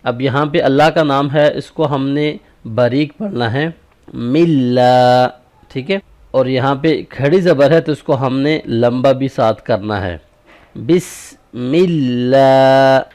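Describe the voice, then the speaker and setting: A man's voice: mid-range voice, darkish tone. Patient male Quran recitation teacher. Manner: patient step-by-step explaining, checking in with "okay?"; breaks off into slow, drawn-out recitation examples. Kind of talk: tajweed lesson.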